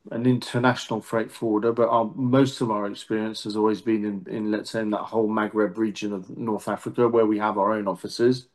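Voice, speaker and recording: A middle-aged man with a British English accent, talking casually in an interview, often hesitating and correcting himself. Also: mid-range voice. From born in Marseille, France, long settled in the UK. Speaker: managing director, interview guest.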